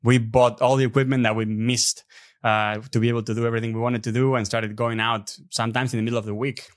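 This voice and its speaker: A man, a podcast guest telling stories in a relaxed, chatty way over a remote call. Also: medium pitch, fast. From Argentina. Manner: relaxed, chatty storyteller with frequent fillers. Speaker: podcast guest, app developer. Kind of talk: casual interview chat. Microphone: remote video call.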